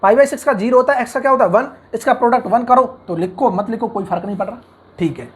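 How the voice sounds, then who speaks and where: A very high-pitched man with a breathy edge teaches engineering math online. Brisk and coaxing, he keeps asking the class questions, answers them, and plays out objections he imagines students might raise.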